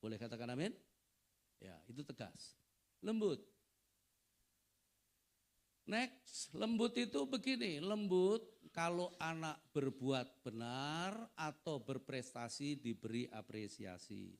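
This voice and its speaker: A man's voice: fairly high pitch, lively intonation, slow, creaky. A middle-aged male pastor giving a family seminar sermon, preaching conversationally with frequent asides to the audience.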